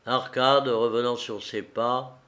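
A man narrating a literary story in a measured, dramatic reading. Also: mid-range voice, flat delivery, sharp tone. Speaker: audiobook narrator.

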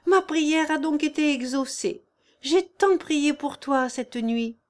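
A woman's voice: high voice, slow pace, voice pushed up. A woman reading the part of a kind, pious young girl in an audiobook, in an earnest, tender manner.

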